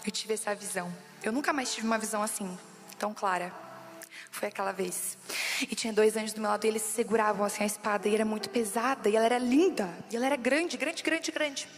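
A woman's voice: medium pitch, fairly even intonation, fast talker. A Brazilian woman giving an emotional sermon testimony, repeating phrases for emphasis. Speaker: preacher. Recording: long reverb with faint background music.

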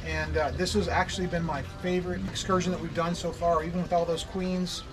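High-voiced joking fishing host. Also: male voice, level tone, fairly quick, low-quality recording. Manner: joking, loose and chatty. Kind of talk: casual vlog chat. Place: outdoors on boats and docks in the Keys. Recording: music bed underneath.

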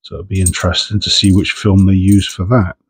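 This coin-hunting host, sniffing from a head cold, talks casually while going through coins for his channel. He speaks fairly quickly in a low, breathy voice with little pitch movement, sounding chatty, understated and self-deprecating, with no room sound.

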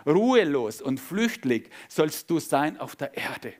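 A preacher voicing God as He slowly and solemnly pronounces a curse. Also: fairly high pitch, very animated.

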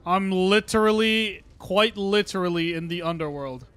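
A man's voice: high voice, normal speed, a bit bright, smooth. A young man livestreaming a video game, chatting casually and joking as he reacts to the game. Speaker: livestream gamer.

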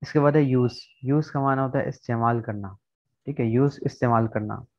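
A man teaching an online vocabulary lesson, explaining words one by one and often checking in with a quick "all right". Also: mid-range voice, darkish tone, no room sound. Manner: explains word by word, often checking with "theek hai". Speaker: English teacher. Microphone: video call. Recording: dull, slightly lo-fi online call recording.

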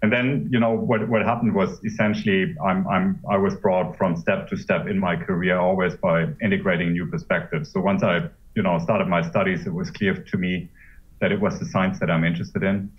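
A man in his forties from Germany, speaking in a measured, thoughtful way with many pauses as a guest on a video-call interview. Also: low-pitched, fairly even intonation. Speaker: pharma executive guest. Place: home room with high ceiling. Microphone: laptop webcam mic on a video call. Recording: muffled, distant video-call audio.

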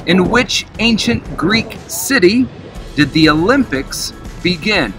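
A man's voice: high-pitched, lively intonation, slow, over music. An upbeat middle-aged man, a cruise director, casually hosting a quiz to camera outdoors. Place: outdoors in an open park.

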